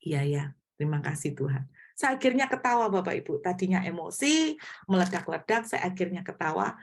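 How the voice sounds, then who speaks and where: Woman pastor preaching, husky, dark, low voice, middle-aged, chatty sermon. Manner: conversational, asks the congregation questions.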